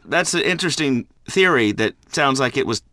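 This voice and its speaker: A man's voice: mid-range voice, lively intonation, fairly quick, sharp tone, no room sound. An actor playing a nervous, sarcastic male radio talk show host who chuckles between lines.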